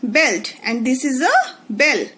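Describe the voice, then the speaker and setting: A woman's voice: high-pitched, animated, fairly bright tone, slightly rough. Sing-song woman teaching children. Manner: sing-song, drawn-out letters, questions for the children. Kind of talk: children's lesson, mixing English and Hindi.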